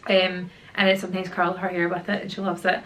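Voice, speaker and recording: Talking casually to camera at home with her children nearby, a YouTuber and mum in her thirties rambles in slangy Glaswegian Scottish, her throat slightly sore. Her voice is lowish and fairly bright, her delivery flat and brisk, with a little hiss or hum behind it.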